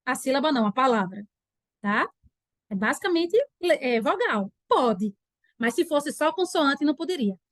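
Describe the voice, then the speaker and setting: Animated high-voiced woman teacher. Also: moderate pace, no echo, clean studio sound. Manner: animated, voices imagined student questions. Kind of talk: online grammar lesson.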